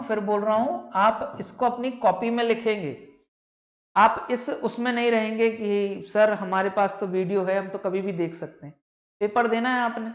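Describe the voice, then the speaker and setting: A male teacher gives a vocabulary lecture, explaining each word patiently and repeating the key terms. He speaks in a roomy, echoey space. The sound is dull and lo-fi. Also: sits high. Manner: patient explaining, repeats key words, calls students "beta". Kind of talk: vocabulary lecture for exam students.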